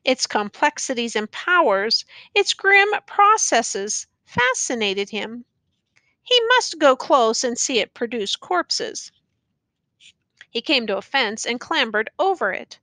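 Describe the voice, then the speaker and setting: A woman narrating a classic war novel as an audiobook, reading slowly and deliberately. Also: a little high, sing-song, sharp tone, dry recording.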